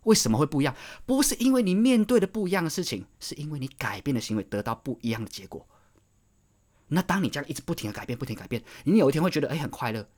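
A man's voice: fairly high pitch, very animated, rapid-fire, darkish tone. Preachy man. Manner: preachy, hammering rhetorical questions; repeats phrases for emphasis. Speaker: vlogger. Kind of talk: motivational monologue to camera.

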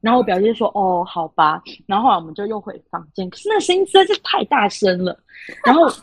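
An animated young woman with a Taiwanese Mandarin accent tells a story as a podcast host. Her voice is husky and fairly high, and it swings up and down a lot. The recording is dry and close to the mic. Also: fast, no echo. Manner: animated, laughs often, acts out quoted voices. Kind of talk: casual storytelling chat.

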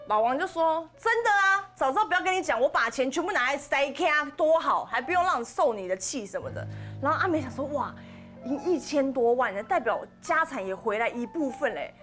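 A woman with a Taiwanese Mandarin accent hosts a podcast and tells a ghost story in a casual, chatty way. Her voice sits a little high, and her pitch rises and falls a great deal as she acts out the characters' lines. Faint music plays under her. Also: animated, a little fast, a bit bright. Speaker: podcast host.

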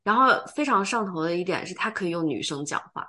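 A woman podcast host with a sweet, youthful voice chats casually with friends, animated and talkative, trading teasing banter. Her pitch is lowish and she talks fast.

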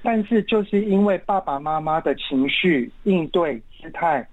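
Taiwanese-accented man, parenting expert guest, steady and earnest, slightly muffled recording. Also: on the high side, unhurried. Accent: Taiwanese Mandarin. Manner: calm, earnest explaining with everyday examples. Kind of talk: casual podcast interview. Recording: muffled lo-fi sound.

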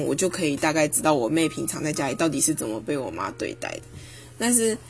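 A young woman, talking through a personal reflection on her podcast with animated emphasis. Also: low voice. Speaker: podcast host.

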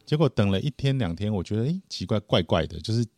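Man, low voice, dry close sound; casual lively storyteller on a podcast. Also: fast talker, no echo. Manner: animated, acts out quoted voices. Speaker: podcast guest telling a story.

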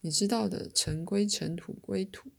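A woman's voice: mid-range voice, normal speed, creaky. Woman reading as a wry newly dead man.

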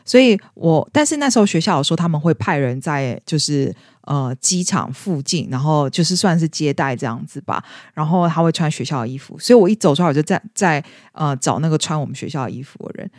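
A young woman in her twenties chats at a brisk clip on a podcast and tells a personal story. She acts out the quoted lines in bright, raised voices. Her voice sounds close and dry. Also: deep voice, lively intonation, no echo. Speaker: podcast co-host. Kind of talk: casual storytelling chat.

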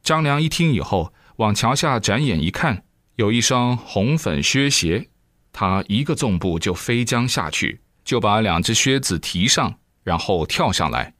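Low-voiced man telling a dharma story. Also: measured pace, no room sound, studio quality. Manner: animated storyteller with frequent exclamations. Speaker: preacher.

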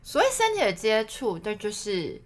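A woman's voice: mid-range voice, huge pitch swings, moderate pace. A woman in casual chat, offering reflective advice in Mandarin.

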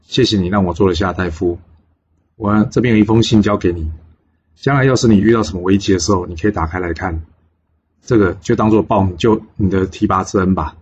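A man playing a calm, shrewd old sage. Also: deep voice, fairly quick, lo-fi sound, a little hiss or hum, close to an everyday voice.

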